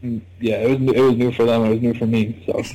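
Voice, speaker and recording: A man with an American accent chatting casually as an interviewee, thinking aloud in a halting, informal way. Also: medium pitch, flat delivery, dark tone, slight background noise, poor audio. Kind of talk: casual chat.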